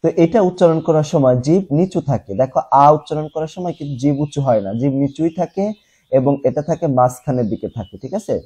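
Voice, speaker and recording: A young man teaching a class, who explains step by step, asks questions and answers them himself, and repeats sounds slowly to show how they are said. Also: on the high side, mellow, breathy edge. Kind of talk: classroom lesson.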